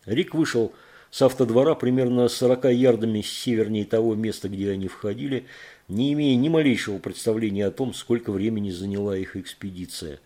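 A man reading a thriller audiobook in measured, even narration. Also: on the low side.

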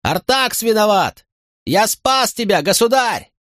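A desperate young traitor prince bellows in a high, strained voice, as a man puts him on. The sound is close and dry, with no room around it. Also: expressive, measured pace, no room sound. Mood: furious. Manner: shouting in a raised strained voice.

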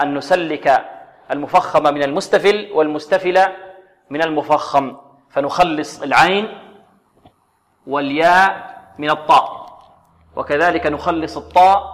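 A man teaching Quran recitation rules, drilling letters slowly and asking rhetorical questions. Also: fairly high pitch, a bit bright, long reverb tail. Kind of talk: tajweed lesson with call-and-repeat drills.

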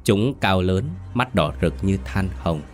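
A man giving grave, measured scripted narration of a horror story. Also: sits low, expressive. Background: faint music.

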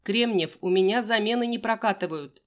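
A woman's voice: mid-range voice, normal speed, pitched above the performer's own voice, lightly acted. A woman voicing a stern male gym teacher who barks curt orders, in an audiobook.

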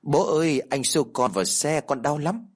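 A man's voice: mid-range voice, animated, normal speed, a little mellow, natural voice. A man voicing the ghost of a small boy who pleads tearfully to his father. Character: dead little boy's ghost, sobbing to his father.

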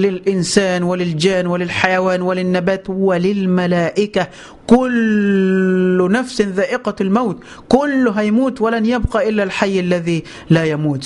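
Egyptian male preacher, high and rapid, urgent and pleading with his audience. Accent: Egyptian Arabic. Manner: pleading, urgent, addresses listeners directly. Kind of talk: colloquial religious lesson.

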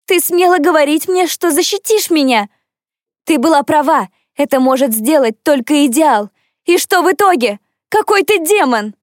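A man's voice: extremely high pitch, normal speed, a little mellow, no echo, clean studio sound, voice pushed up. A man voicing an enraged young woman in an audiobook, accusing and hissing at those who betrayed her. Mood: furious.

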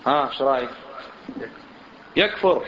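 A man teaching a religious lesson, quizzing his listeners with lively rhetorical questions. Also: medium pitch, a little slow, a little hiss or hum. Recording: echoey room, dull lo-fi sound.

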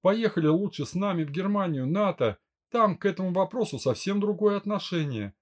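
A man's voice: high voice, lively intonation, a little fast, pitched above the performer's own voice. A man reading a domineering older brother in an audiobook, growling out commands. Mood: stern. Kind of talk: audiobook character voice.

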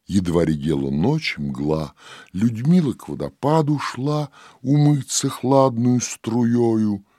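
Man, audiobook poetry recitation, very slow, breathy, dry close sound, faint music behind. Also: medium pitch, lively intonation, no room sound. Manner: dramatic, with sudden whispers and loud outbursts. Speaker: audiobook narrator.

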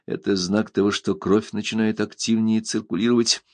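A man doing a calm commanding pirate chief. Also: lowish voice, normal speed, no room sound, lightly acted.

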